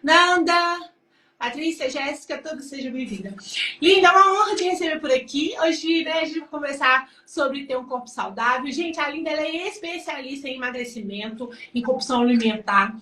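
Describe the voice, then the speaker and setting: A Brazilian woman hosting a live-stream devotional chat, animated and affectionate. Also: high voice, normal speed. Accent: Brazilian Portuguese. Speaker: host. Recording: echoey room.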